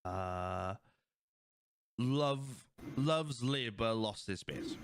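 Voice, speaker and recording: A man hosting a podcast, chatting casually and retelling cartoon scenes in a rambling, animated way. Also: fairly low pitch, drawn-out words. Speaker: podcast host. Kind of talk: casual chat.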